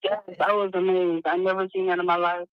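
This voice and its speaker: A woman's voice: on the low side, level tone, fairly quick, clear, resonant tone, no echo. A woman phoning in to a live show, talking casually over a telephone connection. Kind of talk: casual phone conversation. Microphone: phone call. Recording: dull lo-fi telephone line.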